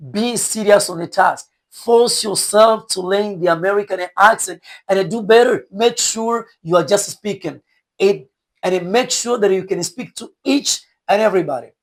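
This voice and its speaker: A man's voice: high-pitched, a bit bright, poor audio. A man with a Rwandan accent speaks straight to his audience in the manner of an online teacher. His delivery is earnest and exhorting, circling back to press each point again. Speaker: English teacher and online content creator. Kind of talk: direct-address lecture to viewers.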